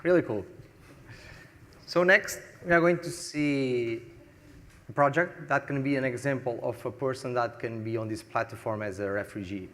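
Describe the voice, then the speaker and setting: A man's voice: medium pitch, normal speed, a bit bright. Guy emceeing demo day, upbeat, echoey hall. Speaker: event host. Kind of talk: introducing presenters.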